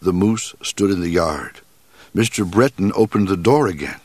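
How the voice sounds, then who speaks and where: A man reading a children's storybook aloud in a measured, expressive way. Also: low-pitched, breathy edge, dry recording.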